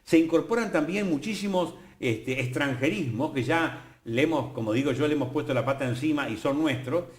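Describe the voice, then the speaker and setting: An older Argentine man lectures in a professorial, lively way on a TV talk show. His voice sits a little high for a man. The studio sound is roomy, with echo around him. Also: fairly quick. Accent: Argentine Spanish. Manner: professorial, lively, playful asides. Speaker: guest, academy president. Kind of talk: explanatory TV studio conversation.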